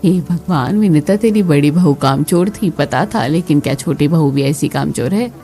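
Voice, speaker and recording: A woman's voice: sits low, lively intonation, moderate pace, dark tone, soft background music. A woman voicing a preachy, disapproving older aunt-in-law visiting the family in a skit. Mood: disgusted.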